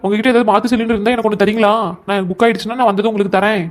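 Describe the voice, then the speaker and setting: Casual: woman doing a cheeky village girl, talks fast, teasing her neighbors. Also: mid-range voice, steady tone, natural voice. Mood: resigned. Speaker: cartoon voice actor. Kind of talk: comic cartoon dialogue.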